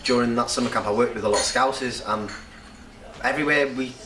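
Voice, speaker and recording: A man's voice: mid-range voice, fast. A young man with a North Wales accent, chatting casually and rambling in an interview, laughing often. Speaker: upcoming rapper. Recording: echoey room from a distance with crowd noise.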